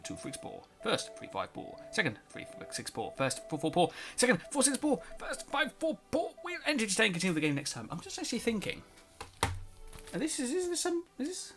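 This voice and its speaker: A man with a high, gravelly voice plays through a game casually, reading its text aloud. He sounds slightly nasal from a cold and has a sore throat, with faint music in the background.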